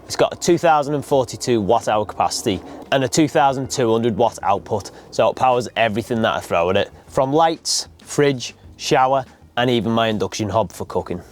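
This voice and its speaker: A man's voice: mid-range voice, lively intonation, fairly quick, slight background noise. A man presenting to viewers as host of an online video. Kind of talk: YouTube presenting.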